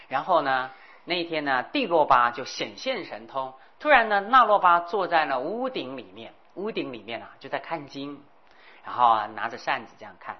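Woman, Buddhist teacher, low voice, animated storytelling, dull lo-fi recording. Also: normal speed. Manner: animated storytelling, acting out dialogue. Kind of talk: dharma talk with storytelling.

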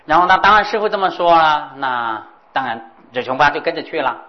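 A woman telling a Buddhist story in an animated way, with exclamations and sound effects. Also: sits low, brisk, lo-fi sound.

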